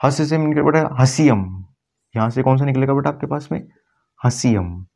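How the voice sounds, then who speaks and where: A man teaching chemistry at a board, often slowing down to repeat key words and calling his students "beta". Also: mid-range voice, steady tone, gravelly, darkish tone. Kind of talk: classroom lecture at a board.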